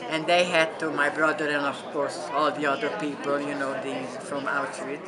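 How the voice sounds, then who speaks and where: An elderly woman in her 70s or 80s from Transylvania, Romania, a native Hungarian speaker with a Hungarian accent, gives testimony as a Holocaust survivor. She recalls her life conversationally and speaks directly to her listeners in a deep voice with little pitch movement at a normal pace. The recording is in a large room, with a noisy audience murmuring in the background.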